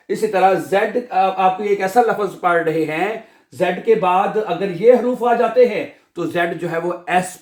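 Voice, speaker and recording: A man's voice: sits high, reverberant. A man with a Pakistani Urdu accent teaching a beginner language lesson, patiently repeating each sound and checking that students follow.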